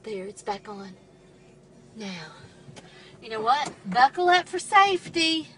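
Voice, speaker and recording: A woman's voice: on the high side, big pitch swings, takes it slowly, fairly bright tone. A woman chatting casually in a coaxing, amused way, as someone soothing a teenager. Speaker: caregiver filming and soothing a teenager. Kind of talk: casual chat. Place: outdoors, then inside a car. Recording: faint noise, handheld phone recording.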